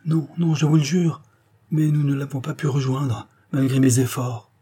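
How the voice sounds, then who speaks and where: A man reading a middle-aged lover who protests earnestly, in an audiobook, with a husky voice. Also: mid-range voice, fairly even intonation, moderate pace, dark tone, pitched above the performer's own voice, natural voice. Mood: protesting.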